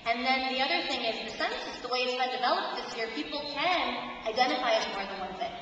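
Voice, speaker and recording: A woman's voice: high-pitched, animated, fast, bright, forceful tone, a little hiss or hum. A woman speaking on a conference panel, answering thoughtfully with many restarts and fillers. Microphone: camcorder from the audience. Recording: echoey hall, far off, lo-fi camcorder.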